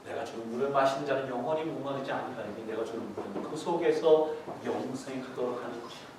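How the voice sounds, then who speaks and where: A middle-aged male pastor preaching a sermon in a lively way, acting out voices and putting questions to his congregation. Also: medium pitch, quick pace, noisy background. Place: large church sanctuary. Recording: echoey hall, mic far from the speaker.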